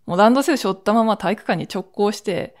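A woman's voice: medium pitch, quick pace, a little mellow. A woman in her forties from Akita, hosting a podcast and telling a childhood story in a chatty, rambling way with asides. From Akita, Japan. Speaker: podcast host. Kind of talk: casual solo storytelling.

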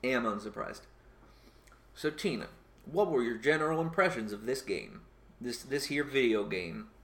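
Bright-voiced joking American podcast host. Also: male voice, medium pitch, animated, moderate pace. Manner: joking, self-mocking banter. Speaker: podcast host, gaming historian. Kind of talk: casual podcast chat.

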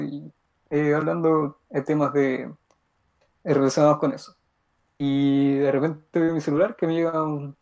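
Chilean teen man, mellow voice. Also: a little high. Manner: animated, slangy, laughs often. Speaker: podcast co-host. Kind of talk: casual storytelling chat.

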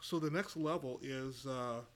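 A man's voice: mid-range voice, measured pace, fairly bright tone, soft background music. Reflective former coach, a man. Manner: reflective, rambling with many fillers. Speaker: former basketball coach, guest. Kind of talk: casual conversation.

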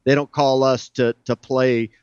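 A man's voice: medium pitch, level tone, unhurried, a little mellow, clear, resonant tone, no room sound, highs cut off. A middle-aged man from south Louisiana, a senior soldier answering interview questions in a proud, plain-spoken, gung-ho way. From south Louisiana, United States. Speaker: army command sergeant major, guest.

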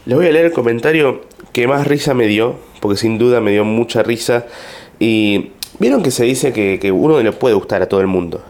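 A man with an Argentine accent, a comedian telling a story to camera in a casual, rambling way with plenty of fillers. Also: fairly low pitch. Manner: rambling, animated retelling with frequent fillers.

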